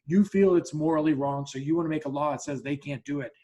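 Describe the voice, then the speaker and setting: A man's voice: fairly high pitch, fast talker, warm tone. A man hosting a casual podcast chat, telling a story bluntly with lots of restarts and acting out both sides of the dialogue, swearing freely. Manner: talks in repeated restarts and acts out both sides of quoted dialogue. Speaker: podcast host.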